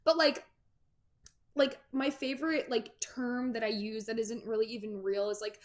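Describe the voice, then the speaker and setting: Female co-host for casual banter, slightly high voice, playful, teasing, mock-indignant. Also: steady tone, normal speed. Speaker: podcast co-host. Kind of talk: casual chat.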